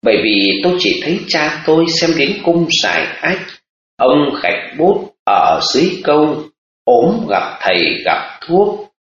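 Slow, expressive male narrator. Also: medium pitch, a little hiss or hum. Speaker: audiobook narrator. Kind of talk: scripted storytelling narration. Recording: echoey, dull audiobook recording.

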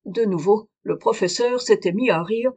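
Woman, audiobook narration, even, clear, mid pitch. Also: moderate pace. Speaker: audiobook reader.

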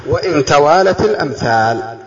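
A man teaching a class, quizzing his students with questions, drawing key words out slowly and putting on a student's puzzled voice. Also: fairly high pitch, expressive, dull audio. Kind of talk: classroom lesson.

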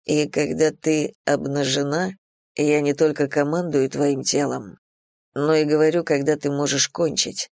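A woman reader voicing a dominant, teasing man in an erotic romance audiobook, speaking low, slow and hushed. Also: flat delivery, creaky, dry recording, studio quality. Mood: teasing, commanding.

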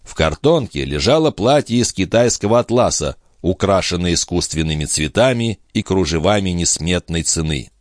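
A man's voice: low-pitched, normal speed, few pauses, dry recording, studio quality. A man narrating a historical novel as an audiobook. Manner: expressive reading. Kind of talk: scripted narration.

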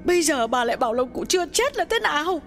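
A woman's voice: fairly high pitch, lively intonation, a little fast, soft background music, natural voice. A woman voicing an anxious young village woman. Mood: alarmed. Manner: anxious, pressing questions. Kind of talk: audiobook dialogue reading.

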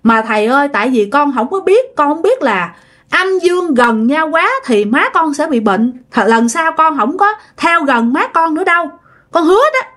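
A woman's voice: high-pitched, expressive, normal speed, a bit bright. A woman voicing the ghost of a devoted young man who speaks in an earnest, repetitive plea, with a Southern Vietnamese accent. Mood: pleading.

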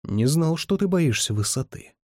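A man reading the lines of a guarded young male ruler with dry humor, in a low, terse delivery. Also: animated, moderate pace, a little mellow, dry recording. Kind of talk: audiobook character reading.

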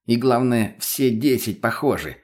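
A man's voice: mid-range voice, expressive, measured pace, a little mellow. A man voicing a crude, mocking drug addict who swears constantly. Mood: cocky. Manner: foul-mouthed, cocky, mocking.

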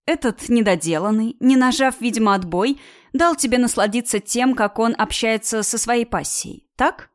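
A woman's voice: fairly high pitch, moderate pace, close to an everyday voice. A woman reading an audiobook, voicing a bold young woman who talks with sarcasm and indignant emphasis. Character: bold, sharp-tongued young woman friend. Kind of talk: audiobook character voice.

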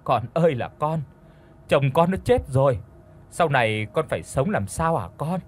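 Grieving older mother in a storybook, lamenting and pleading, read by a man with a husky voice. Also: a little high, expressive, moderate pace. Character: grieving older mother mourning her son.

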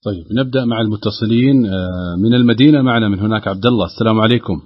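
A man hosting a call-in show, briskly welcoming callers. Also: lowish voice, breathy edge. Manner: brisk, welcoming host patter. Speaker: show host. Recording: dull lo-fi broadcast audio.

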